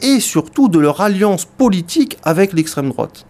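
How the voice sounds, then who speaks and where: Homme hésitant qui parle d'un livre à la radio. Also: male voice, high voice, big pitch swings, normal speed, darkish tone. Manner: hesitant, many fillers and repeated words. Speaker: radio columnist. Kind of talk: spoken book review on radio.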